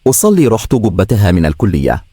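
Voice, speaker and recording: An easygoing, protective young Egyptian brother, as a male narrator voices him, low and relaxed. He jokes as he talks. The sound is dry and close to the mic. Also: fast talker, slightly rough, no room sound, full character voice. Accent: Egyptian Arabic.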